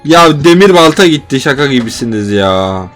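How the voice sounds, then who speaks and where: A man with a Turkish accent narrates his own survival game run in a mid-range voice, with faint music playing behind him. He reacts to every threat out loud, swinging from panicked yelps to tired, exasperated grumbling. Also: mid-range voice, moderate pace. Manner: excitable, frequent panicked yelps and exasperated complaints. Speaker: gaming YouTuber. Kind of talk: live gameplay commentary.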